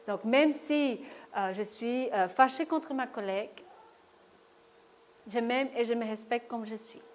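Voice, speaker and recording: A woman workshop speaker on stress gives a live talk to an audience in a lecture room, demonstrating the tapping technique step by step. She often checks in with "d'accord?" in a voice on the high side. There's a little hiss or hum.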